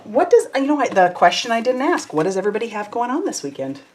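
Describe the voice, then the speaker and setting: During her casual crafting livestream, a woman works and chats, reading out viewers' comments with warm enthusiasm. Her high-ish voice has big pitch swings and a quick pace, against slight background noise.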